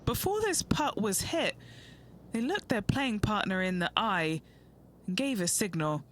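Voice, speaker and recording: A woman's voice: medium pitch, expressive, measured pace, slight background noise. Female golf commentator reporting from the course, mid-range voice, slight ambience behind her.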